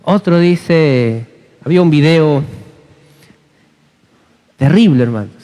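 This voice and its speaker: A Peruvian man preaches a sermon in a church hall, urging the congregation on and tossing in humorous asides. His voice is slightly high, slow and dark in tone, and the recording carries a long church reverb.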